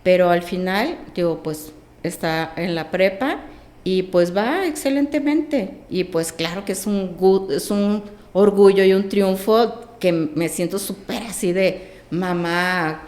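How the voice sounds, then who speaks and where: A woman, a podcast guest telling a personal story with lively acted-out dialogue. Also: medium pitch, slow pace, reverberant. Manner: animated, acts out quoted dialogue.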